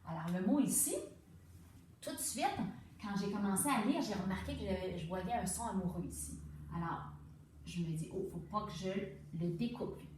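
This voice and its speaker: Patient teacher sounding words out slowly. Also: female voice, medium pitch, lively intonation, darkish tone, recorded from a distance, a little hiss or hum. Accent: Quebec French. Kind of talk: reading lesson for young children. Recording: very echoey room, away from the mic.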